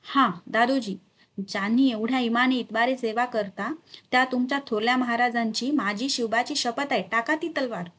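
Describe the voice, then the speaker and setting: A woman's voice: a little high, normal speed, a bit bright. A woman voicing a commanding royal mother who speaks firmly yet with care. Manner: firm, commanding, then consoling.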